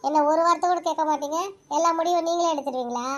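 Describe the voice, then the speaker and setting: A woman voicing a nagging wife and mother of two daughters in a cartoon family drama, complaining loudly to her husband. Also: very high voice, quick pace. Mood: scolding. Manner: nagging, complaining, turns tearful.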